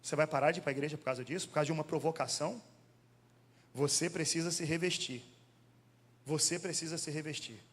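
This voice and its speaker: A male pastor preaching a sermon in an animated, conversational way, firing questions at the congregation. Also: fairly high pitch, fast, pauses often, slightly rough. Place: church hall. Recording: long church hall reverb.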